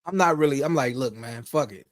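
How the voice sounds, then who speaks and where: A man's voice: medium pitch, a little fast, dry recording, studio quality. A man from Ohio in casual conversation, laid-back, swearing freely and trailing off into asides. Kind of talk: casual chat.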